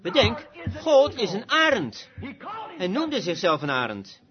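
A man preaching an impassioned sermon that rises to shouts, on a dull lo-fi recording with a crowd behind. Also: high voice, wildly swooping pitch, a little slow. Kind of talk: fiery sermon.

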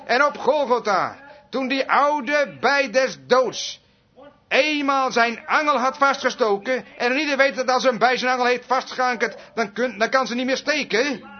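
A man preaching a sermon, fervent and emphatic, stretching some phrases out slowly, on a dull lo-fi recording. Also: very high-pitched.

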